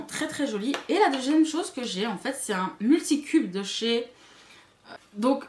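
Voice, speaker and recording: A woman with a Belgian or Swiss French accent reviews makeup to camera in a chatty way, full of asides to her viewers. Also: a little high. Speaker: beauty vlogger. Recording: echoey room.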